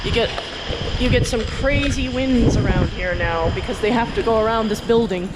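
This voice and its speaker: Her voice runs a little high and her pace is moderate as she tours a London skyscraper and its streets for a walking video. Chatty and wry with herself, she records on a handheld camera on a stick, with traffic noise all around.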